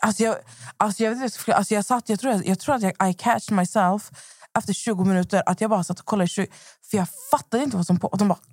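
Young woman, podcast co-host, casual rambling chat, filler-heavy storytelling, mid pitch, dry close sound. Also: a little mellow, no room sound.

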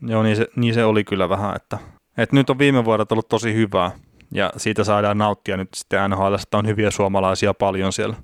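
Low-voiced man, dry close sound. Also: fairly even intonation, no echo. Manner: hesitant, many filler words. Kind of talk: casual hockey chat.

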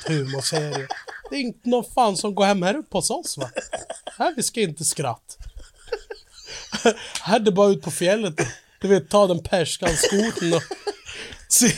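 A man's voice: sits high, noisy background. A young man voicing a blunt, crude rural man with a put-on Norrland Swedish dialect, swearing and mocking. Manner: swearing, mocking, loud bursts.

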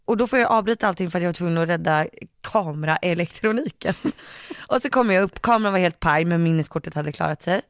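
A woman's voice: on the low side, dry recording, clean studio sound. A woman co-hosting a chat podcast, telling a story with lots of quoted asides and laughter. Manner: animated, quotes herself with "jag bara", laughs often. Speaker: podcast co-host.

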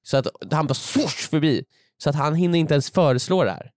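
A man's voice: on the high side, a little mellow, no room sound, clean studio sound. A young man co-hosting a casual podcast, playful and joking, slipping into silly put-on voices. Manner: playful, acts out voices in jokes. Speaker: podcast co-host.

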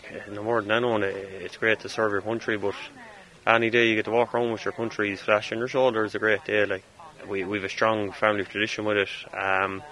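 A man's voice: fairly low pitch, flat delivery, a little fast, bright, forceful tone, poor audio. A man serving as a soldier, speaking casually in an interview.

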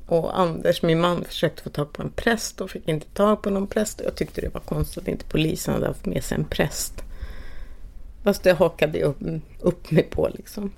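A middle-aged woman telling her own story in a documentary podcast, speaking haltingly with pauses and restarts. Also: fairly low pitch, vocal fry, a little mellow. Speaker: interviewee, bereaved mother. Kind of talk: personal testimony in a documentary podcast.

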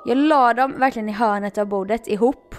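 A woman telling a story in casual chat, animated and laughing often. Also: on the high side.

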